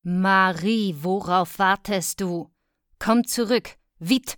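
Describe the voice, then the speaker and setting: A woman voicing an angry, strict mother who scolds her daughter in a sharp, hissing tone. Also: medium pitch, takes it slowly, smooth, no echo, clean studio sound. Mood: shouting.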